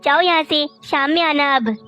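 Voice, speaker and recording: A woman voices a spoiled young wife crow in a cartoon, sharp-tongued and scornful. The voice is high, with faint music underneath. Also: moderate pace, dull audio. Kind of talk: cartoon voice acting.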